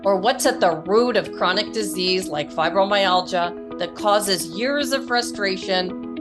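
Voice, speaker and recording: Woman podcast host, measured delivery. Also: mid-range voice. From England. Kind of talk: scripted intro then interview.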